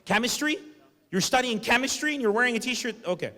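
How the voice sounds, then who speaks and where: A man's voice: extremely high pitch, expressive, fairly quick, sharp tone. A man, a stand-up comedian, giving a motivational talk to students, joking and questioning the audience directly. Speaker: guest speaker, stand-up comedian. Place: university hall before a student audience. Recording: echoey lecture hall.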